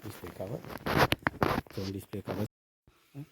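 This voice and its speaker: A Sri man guiding inside a cave, pointing things out in halting, broken English. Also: lowish voice, very noisy. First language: not English. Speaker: cave guide. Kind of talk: brief pointing-out of features in simple English.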